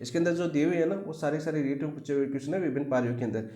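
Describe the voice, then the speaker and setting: Fast-talking man teaching an exam-prep class. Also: a little high, mellow, reverberant. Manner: repetitive, asks the class questions and answers them himself.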